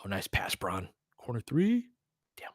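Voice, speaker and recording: A basketball host and coach speaks a little slowly in a lowish, slightly rough voice whose pitch swoops wildly. His live commentary is casual and chatty with listeners, mildly profane, with asides that trail off, and the studio recording has no echo.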